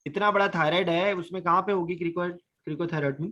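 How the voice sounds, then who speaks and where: Speaking a little fast in a high, pushed, bright voice with fairly even intonation, a man teaches an online anesthesia class. He quizzes his students and mixes English medical terms into his Urdu. The recording cuts off the highs.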